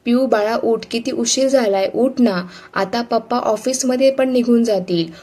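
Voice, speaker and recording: A woman reading the part of a gentle, teasing young wife and mother who speaks softly. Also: on the high side, unhurried. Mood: affectionate.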